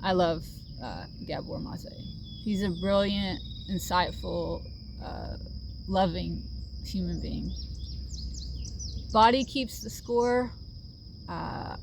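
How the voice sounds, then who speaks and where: A woman's voice: lowish voice, takes it slowly, gravelly, pauses often, noisy background. Earnest woman vlogging outdoors. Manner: earnest, reflective, with frequent fillers and soft laughs. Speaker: vlogger sharing a healing journey. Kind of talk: casual monologue to camera. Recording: faint outdoor ambience with crickets.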